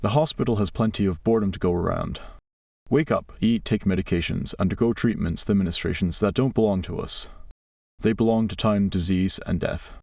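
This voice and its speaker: A man calmly reading a novel in first person, reflective and even as an audiobook narrator. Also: lowish voice, fairly quick, vocal fry, no echo, studio quality, distant mic.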